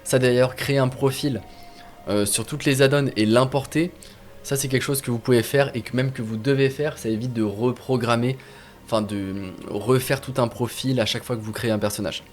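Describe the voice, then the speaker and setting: A man's voice: mid-range voice, steady tone, brisk. A man casually walking viewers through game add-ons on screen, talking informally with many fillers and restarts. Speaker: gaming video host. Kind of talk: casual screen-share tutorial.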